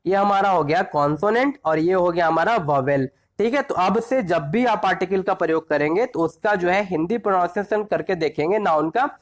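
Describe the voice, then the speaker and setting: A man teaching a grammar lesson. He keeps asking quick questions and answering them himself, often checks that the listener is following, and reads example phrases slowly. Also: sits high. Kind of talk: classroom-style grammar lesson.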